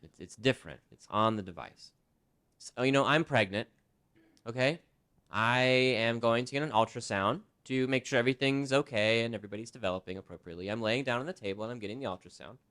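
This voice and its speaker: A male sign language interpreter voices a presenter's signed talk aloud in the first person, sounding conversational and lively. His pitch is medium and he speaks quickly.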